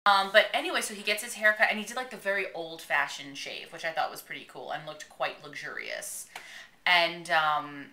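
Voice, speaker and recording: A woman's voice: fairly low pitch, moderate pace. A woman co-hosting a casual chat, telling stories animatedly and acting out what people said. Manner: animated storyteller acting out dialogue. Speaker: co-host. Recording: roomy echo.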